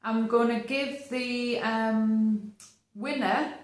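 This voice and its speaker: A woman's voice: a little high, fairly even intonation, very slow. A woman hosting a casual interview, chatting in a blunt, teasing way. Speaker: interviewer, host. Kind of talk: casual chat. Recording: very echoey room.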